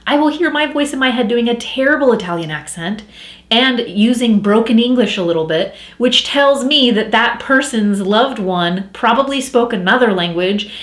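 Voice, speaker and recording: A woman speaking as a spiritual coach in a casual teaching talk, chatty and animated, acting out inner voices as she explains. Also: fairly high pitch, normal speed, reverberant.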